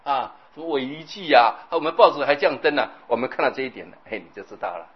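A man's voice: medium pitch, expressive, fast, slightly rough. A boastful neighbor man chats on about costly delicacies, as a preacher voices him. He is chatty and bragging. The recording sounds dull and lo-fi.

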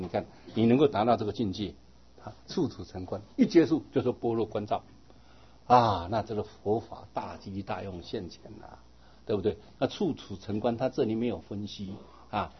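A man giving a lively Buddhist dharma talk to his students, often asking them "right?" as he teaches. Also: medium pitch, slightly rough, dull audio.

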